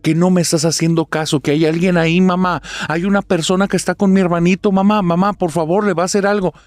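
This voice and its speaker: A man's voice: sits high, level tone, fast talker, dry recording, voice pushed up, natural voice. A man doing a panicked young boy. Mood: frantic pleading. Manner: frantic, shouting, pleading.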